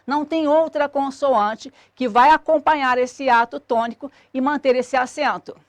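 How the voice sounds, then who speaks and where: A woman, explaining a grammar lesson clearly and methodically as a teacher. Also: sits high, normal speed, no echo.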